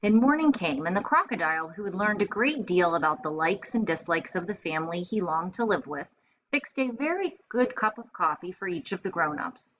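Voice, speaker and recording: Her lowish, fairly bright voice is animated and slightly fast as this teacher reads a storybook aloud to first graders. She reads with expression and gives simple explanations suited to young listeners. Faint noise runs through the dull lo-fi home recording.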